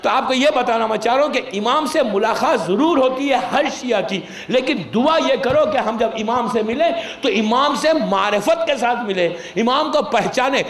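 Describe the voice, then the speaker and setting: A man's voice: extremely high pitch, hardly any pauses, fairly bright tone. A man with an Indian Urdu accent giving a sermon, explaining with everyday examples, mixing in English words and urging listeners directly. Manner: pleading, urges listeners directly. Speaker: Shia cleric giving a majlis sermon. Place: religious gathering hall. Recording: echoey hall.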